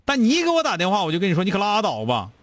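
A man's voice: high voice, wildly swooping pitch, very fast, no echo. A man with a Northeastern Chinese accent hosting a call-in advice show, blunt and scolding, firing rhetorical questions. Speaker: radio call-in show host.

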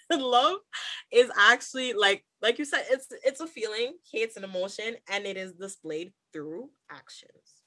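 A young woman co-hosting a podcast in casual chat, animated and giggly and full of fillers. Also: mid-range voice, normal speed, no echo. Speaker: podcast co-host.

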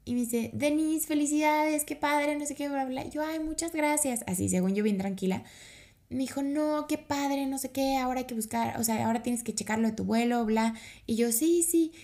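A Mexican woman telling a personal story to her followers in a lively, chatty way, acting out what others said in a raised voice. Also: fairly quick. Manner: animated, acts out quotes in a higher voice. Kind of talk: casual storytelling.

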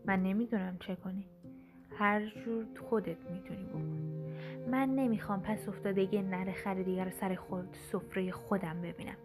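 A blunt, unyielding young husband from a storybook, read by a woman in her near-everyday voice. He speaks in a middle pitch, dismissive and curt. Clear instrumental music runs under the reading. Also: fairly even intonation, lightly acted.

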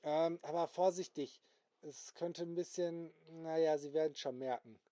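A man's voice: a little high, fairly even intonation, normal speed, warm tone, dry recording, clean studio sound, pitched above the performer's own voice, lightly acted. A man voicing a flustered, apologetic male apprentice magician in a spoken bedtime story, hesitant and full of fillers. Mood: cautious.

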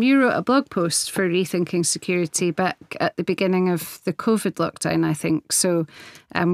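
A woman hosting a podcast, speaking in a measured, earnest way as she introduces guests and asks questions, with occasional self-corrections. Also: fairly low pitch, creaky, no room sound, clean studio sound. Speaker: podcast host. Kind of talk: scripted podcast introduction and interviewing.

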